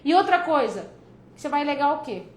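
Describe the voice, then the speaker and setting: High-voiced chatty woman from São Paulo. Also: very animated, a little fast. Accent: São Paulo Brazilian Portuguese. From São Paulo, Brazil. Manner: chatty and joking, calls viewers "filha" and "cara". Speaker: debt advisor hosting a live stream. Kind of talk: casual live stream answering viewer questions. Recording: echoey room with faint background noise.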